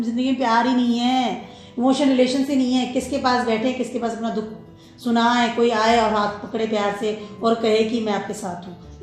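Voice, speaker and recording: A woman giving a pick-a-card tarot reading, switching between Hindi and English and often checking in with the viewer. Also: a little high. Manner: mixes Hindi and English, warm advising tone with frequent "okay?" check-ins. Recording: very echoey room with music.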